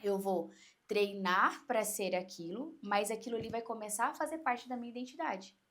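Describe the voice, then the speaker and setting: A woman coach with a Brazilian Portuguese accent, explaining in an animated way on an interview podcast and acting out inner voices. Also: fairly high pitch, normal speed.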